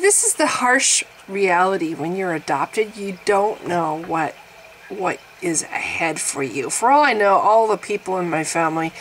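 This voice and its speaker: A woman's voice: a little hiss or hum, low-quality recording. A woman in her fifties talking casually to the camera about getting older, in a wry, exaggerated, self-mocking way that often breaks into laughter. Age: 50s. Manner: wry, exaggerated, laughing at herself, swings in pitch and loudness. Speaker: vlogger.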